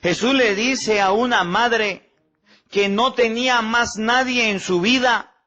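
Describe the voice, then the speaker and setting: High-voiced Mexican priest preaching a homily. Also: male voice, slow pace, sharp tone. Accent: Mexican Spanish. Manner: preaching with rhetorical repetition and questions to the congregation. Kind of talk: homily at Mass. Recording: slightly dull recording with faint music.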